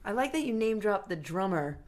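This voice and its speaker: A woman guesting on a podcast, joining a casual chat with teasing, quick-witted remarks. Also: medium pitch, lively intonation, a little mellow.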